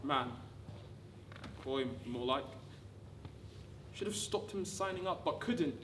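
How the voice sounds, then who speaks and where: A woman giving a rehearsed dramatic reading of wartime letters, measured, with deliberate pauses. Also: low-pitched, expressive, fairly bright tone. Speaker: actor reading a monologue. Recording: distant, echoey room with background noise.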